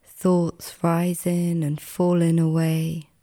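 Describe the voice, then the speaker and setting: Speaking like someone narrating a sleep story, this female meditation guide walks listeners through relaxation. She sounds gentle and soothing, her lowish voice soft and at times breathy, delivered completely flat with long pauses.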